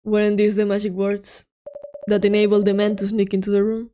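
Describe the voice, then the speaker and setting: A woman's voice: medium pitch, monotone, fairly quick, dark tone, a little hiss or hum. A woman streamer giving casual let's-play commentary in chatty, amused asides. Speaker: game streamer.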